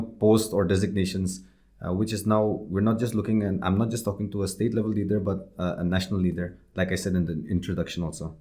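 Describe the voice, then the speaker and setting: A man's voice: fairly low pitch, mellow. A man hosting a conversational podcast interview, deferential and wordy as he circles toward his questions. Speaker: podcast host.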